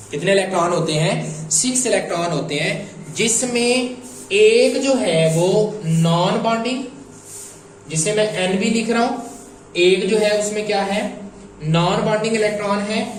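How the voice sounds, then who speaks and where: A man teaching chemistry at a whiteboard, slowly repeating points and answering his own questions. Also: sits high. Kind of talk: whiteboard lecture. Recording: very echoey room, faint ambient noise.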